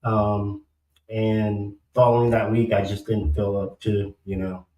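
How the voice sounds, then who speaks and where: A man speaks as a casual show host, his words muffled and a little slurred as though his mouth were packed with cotton. He goes haltingly, repeating words. The sound is echoey and somewhat far from the microphone. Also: fairly low pitch, flat delivery, mellow. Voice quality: muffled, slightly slurred speech, like cotton in the mouth after dental work. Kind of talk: casual livestream talk. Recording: roomy echo, distant from the mic.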